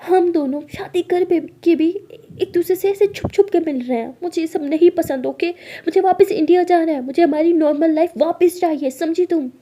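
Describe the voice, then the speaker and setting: A woman voicing a young woman who shouts accusations at her partner out of hurt and exhaustion. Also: high voice, steady tone, brisk, few pauses, slightly rough. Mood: furious shouting.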